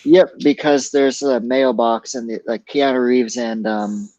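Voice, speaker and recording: A man's voice: medium pitch, fairly even intonation, measured pace, mellow, no echo. A man chatting casually on a video call, loose and hesitant with lots of fillers. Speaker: podcast guest. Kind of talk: casual chat. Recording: dull, lo-fi video call audio.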